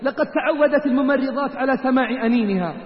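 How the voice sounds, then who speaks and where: A man's voice: very high-pitched, fast talker. A male preacher telling a moving story in a sermon, emotive and speaking straight to his listeners. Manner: emotive, addresses listeners directly. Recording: echoey hall, dull lo-fi sound.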